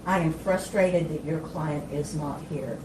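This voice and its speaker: A woman judge firmly reprimanding lawyers in a courtroom, stern and measured. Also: sits low, background noise. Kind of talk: courtroom ruling. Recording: echoey distant courtroom audio.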